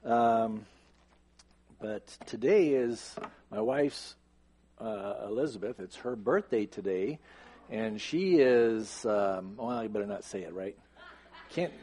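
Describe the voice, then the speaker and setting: A man's voice: on the low side, slow, dark tone. A man in his fifties, a pastor, leading a church service with joking asides and an earnest prayer, in a church sanctuary. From United States. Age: 50s. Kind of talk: sermon and prayer.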